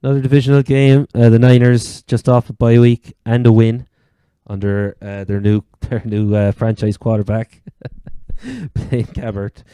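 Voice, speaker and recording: A man's voice: mid-range voice, level tone, unhurried, mellow, clean tone, dry recording. A man with an Irish accent from Cork, hosting a casual sports chat. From Ireland. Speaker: sports podcast host.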